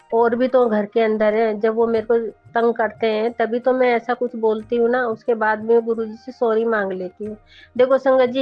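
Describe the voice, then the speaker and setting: A middle-aged woman sharing a devotional testimony, speaking earnestly and often turning to address her listeners directly. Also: a little high. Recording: dull, dry recording with faint background music.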